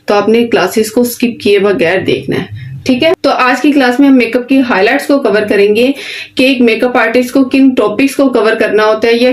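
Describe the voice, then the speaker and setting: A woman teaching an online beautician course, giving plain, direct instructions and often checking in with "okay". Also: on the high side. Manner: repeats "ठीक है" often, plain simple explanations. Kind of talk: online class lecture.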